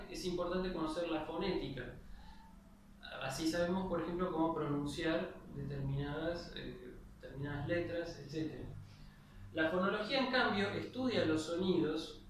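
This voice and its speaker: A man's voice: fairly high pitch, a bit bright. A man giving a spoken grammar lesson, explaining patiently and checking in with his listeners. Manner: explanatory, with frequent "¿sí?" checks and restarts. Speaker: lecturer. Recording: very echoey, distant mic, faint noise.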